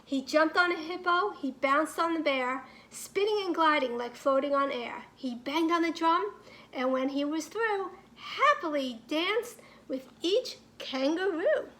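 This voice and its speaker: A woman with a high voice reads a children's picture book aloud, telling the story in a lively, emphatic way with careful, teacherly phrasing.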